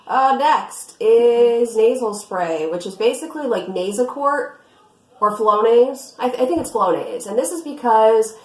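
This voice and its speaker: A woman's voice: a little high, measured pace, echoey room. A young woman explaining things in a matter-of-fact way as a vlog co-host. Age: young adult. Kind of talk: casual chat.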